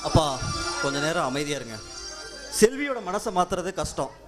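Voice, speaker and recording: A man's voice: on the high side, sing-song, moderate pace, faint music behind. A man acting an earnest son in a stage drama, persuading his father.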